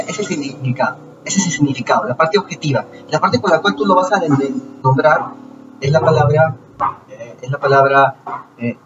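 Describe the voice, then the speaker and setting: A man talking to his viewers in a casual lecture, explaining slowly with rhetorical questions and frequent restarts. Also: on the high side. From Peru. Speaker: channel host. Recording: distant lo-fi mic with noise.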